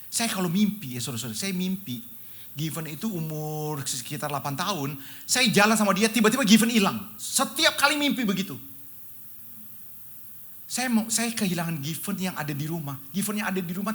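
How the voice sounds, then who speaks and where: A man's voice: high-pitched, animated, a little fast, fairly bright tone. A middle-aged male pastor preaching an emotional, storytelling sermon, often addressing the congregation directly. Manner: repeatedly addresses listeners as brothers and sisters.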